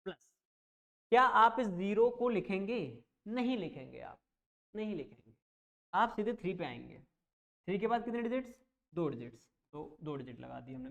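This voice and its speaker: A man teaches an online math class in a patient, reassuring way. He walks through each step slowly, repeating numbers aloud and checking that the students understand. His explanations stay plain and simple. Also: high-pitched, a bit bright. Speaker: coaching teacher.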